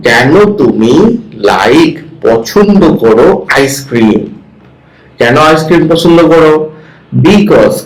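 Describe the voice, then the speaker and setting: Bangladeshi guy teaching english, real slow and drawn out, kinda high voice, echoey room. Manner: slow, drawn-out English phrases, translating each into Bengali. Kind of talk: bilingual classroom lesson.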